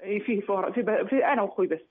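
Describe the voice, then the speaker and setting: A woman's voice: mid-range voice, racing. A middle-aged woman calling in to a radio show, who explains her question hesitantly and restarts her sentences often. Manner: hesitant, restarting, recounting at length. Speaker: caller. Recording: tinny phone line.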